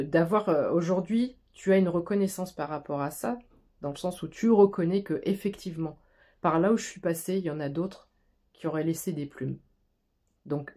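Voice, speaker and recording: A woman's voice: sits low, mellow. A woman giving a tarot reading to the listener, speaking in an intimate, reassuring way and often stumbling and repeating words as she goes. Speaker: tarot card reader. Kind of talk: tarot reading addressed to the viewer.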